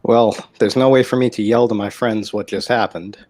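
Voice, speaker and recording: A man playing in a tabletop game, talking haltingly with many fillers. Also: on the low side, steady tone, darkish tone. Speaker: player. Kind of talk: casual game talk.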